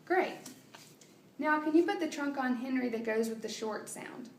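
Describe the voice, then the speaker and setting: A woman working as a speech therapist, talking slowly and encouragingly to a child in exaggerated, simple phrases. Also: high-pitched, animated, slight background noise. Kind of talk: child-directed therapy demonstration. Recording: echoey room, mic far off.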